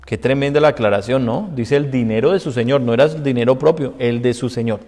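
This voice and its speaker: A man preaching a sermon as pastor, swinging from loud, high outbursts to hushed, low tones. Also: quick pace. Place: church sanctuary. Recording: long church hall reverb.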